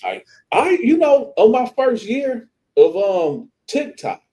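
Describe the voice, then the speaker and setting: Animated, slangy man telling stories. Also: extremely high pitch, slow, rough recording. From Flint, Michigan. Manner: lively, laughs often, slangy. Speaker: guest streamer. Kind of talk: animated storytelling in a podcast chat.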